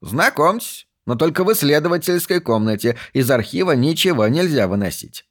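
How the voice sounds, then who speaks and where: Man reading excitable old archivist, snorting, chatty, higher-pitched voice, audiobook figure. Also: a little fast. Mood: eager. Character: fussy enthusiastic old male museum archivist.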